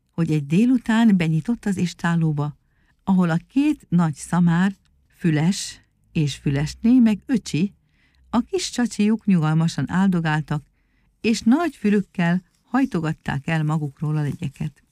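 A woman narrating a children's storybook in a calm, measured way. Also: lowish voice, no echo, clean studio sound. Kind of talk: storybook reading.

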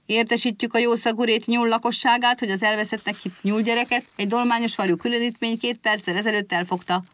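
A woman voicing an unfriendly official announcer speaking through a loudspeaker in a storybook. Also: on the high side, fairly even intonation, voice pushed up, natural voice. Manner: formal announcing.

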